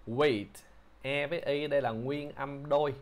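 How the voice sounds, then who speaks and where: A man teaching English pronunciation, who repeats each word slowly and patiently explains how to shape the mouth. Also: a little high, fairly even intonation. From Vietnam. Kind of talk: pronunciation lesson.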